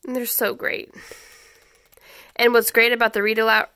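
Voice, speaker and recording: In a small home schoolroom, a homeschool channel host in her thirties chats her way through a pile of children's books, stuffy with a head cold and restarting often amid many ums. Her voice sits on the high side with a flat delivery at normal speed, and background noise is audible.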